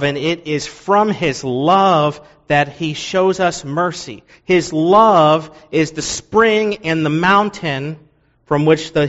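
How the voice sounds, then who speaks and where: A man's voice: fairly high pitch, big-room sound, highs cut off. A man preaching an earnest sermon, explaining a passage and repeating key phrases for emphasis. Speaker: pastor.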